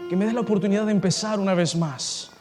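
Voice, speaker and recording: A man's voice: high-pitched, quick pace, a little mellow. A male pastor preaching an impassioned sermon to students, telling a story and speaking directly to his listeners. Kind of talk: evangelistic sermon, personal story. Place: large assembly hall before students. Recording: reverberant hall with faint music.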